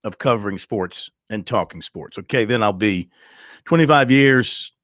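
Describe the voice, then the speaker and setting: A man's voice: on the low side, moderate pace, fairly bright tone, no echo. Sports radio host, thirties man, fired-up opinionated rant, dry studio sound. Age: 30s. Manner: emphatic, ranting, laughs easily. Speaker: sports talk show host.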